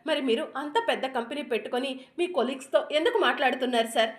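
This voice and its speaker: A woman's voice: high-pitched, very fast, lightly acted. A bitter, accusing young wife, read by a woman. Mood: tearful, reproachful. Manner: reproachful questions ending in "sir".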